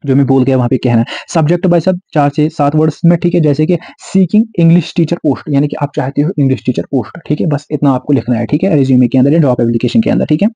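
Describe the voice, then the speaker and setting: Fast-talking tutor with a dark, husky voice. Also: male voice, mid-range voice, no echo. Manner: repeats "theek hai" and "bhai sahab", slows down to dictate English phrases. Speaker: teacher. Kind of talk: exam-prep lecture. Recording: dull lo-fi dry sound.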